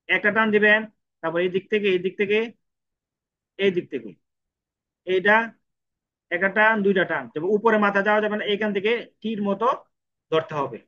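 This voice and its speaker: Male language tutor, high bright voice, lo-fi sound, patient stroke-by-stroke delivery. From Bangladesh. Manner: repetitive, counts out each stroke. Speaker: Japanese language teacher. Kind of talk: step-by-step writing lesson. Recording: dull lo-fi recording.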